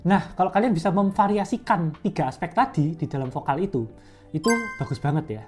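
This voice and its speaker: Young woman, low mellow voice, chatty speaking-coach vlog, soft music underneath. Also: fairly quick. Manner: chatty and conversational, explains step by step. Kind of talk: casual educational vlog.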